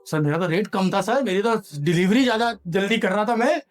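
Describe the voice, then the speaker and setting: A man playing a frustrated male salesman who complains loudly and whines about losing an order to a rival. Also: high voice, fairly quick, pitched below the performer's own voice, natural voice. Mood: aggrieved. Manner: whiny, complaining, rising to a shout.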